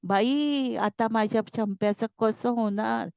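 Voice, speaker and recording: A woman's voice: on the high side, unhurried, dark tone, no room sound, lightly acted. A woman voicing a distraught mother, frantic and fierce, in a storybook reading, heard on a dull, dry recording. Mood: wailing.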